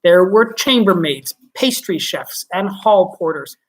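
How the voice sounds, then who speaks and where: A man's voice: sits high, animated, unhurried, poor audio. Man reading a storybook to kids. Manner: chatty asides explaining words to students. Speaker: teacher. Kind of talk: reading a children's book aloud.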